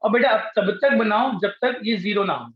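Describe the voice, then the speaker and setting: A man's voice: high voice, animated, moderate pace. Guy teaching chem to a class, keeps asking questions, dull echoey room sound. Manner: coaxing, repeats questions to students. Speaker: chemistry teacher. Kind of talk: classroom lecture.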